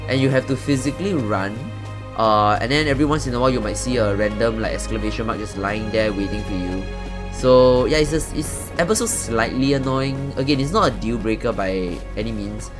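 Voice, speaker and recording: A man hosts a casual let's-play with chatty, rambling commentary and the odd mild curse. His pitch sits mid-range for a man. Faint game music plays underneath. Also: fairly quick. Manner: chatty, rambling, swears lightly. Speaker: gaming channel host.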